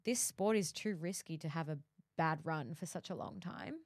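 A woman's voice: low voice, normal speed, no echo, clean studio sound. A woman co-hosting a casual podcast chat, talking freely, laughing often and trailing off mid-sentence. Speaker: podcast co-host.

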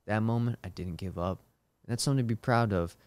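A man's voice: lowish voice, quick pace, darkish tone, clean tone, no room sound. A young man, a stand-up comedian, in casual, rambling and crude podcast banter.

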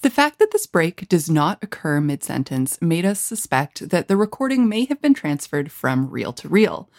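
Woman, lowish pitch, podcast narrator, scripted, academic style. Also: sing-song, moderate pace, darkish tone.

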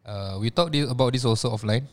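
A man's voice: mid-range voice, fast talker. A man with a Singaporean accent giving informal religious advice as a teacher, phrasing hesitantly and mixing in some Malay and Arabic.

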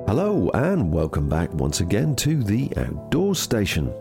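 A British man hosting a podcast from a quiet office, chatty and scripted, with a jocular, self-deprecating manner. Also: fairly low pitch, huge pitch swings, a little slow, gravelly, music in the background. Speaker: podcast host.

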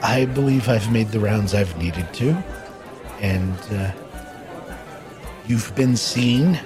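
A man's voice: on the low side, slow, music in the background, a crowd in the background. A man voicing a haughty female mayor who talks in a clipped, dismissive way. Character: haughty female town mayor, curt and disdainful.

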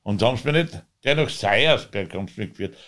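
A man with an Austrian accent, the interviewee, telling his own story in a rambling, halting way with loose dialect grammar. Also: on the low side, expressive, fairly bright tone. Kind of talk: conversational storytelling.

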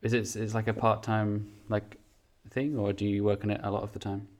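A podcast host reads a scripted intro, then chats casually with a guest, frequently restarting his questions in a hesitant way. His voice is fairly low and a little mellow, with a flat, brisk delivery.

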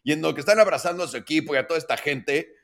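A man in his late thirties with a Mexican accent co-hosts a casual podcast, speaking rapid-fire in a slightly high voice. He's an animated storyteller whose tales are packed with slang and swearing.

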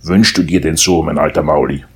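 A man voicing a big, kindly old male Christmas bear in a storybook reading, grumbling gently in a fatherly way, with a husky voice. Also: a bass voice, steady tone, a little fast, exaggerated voice.

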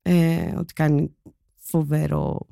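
Young woman comic rambling through a story, bit of fry in her voice, laughs a lot. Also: low voice, no room sound, clean studio sound. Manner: animated, laughing, quick storytelling with acted quotes. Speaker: stand-up comedian guest. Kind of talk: casual storytelling chat.

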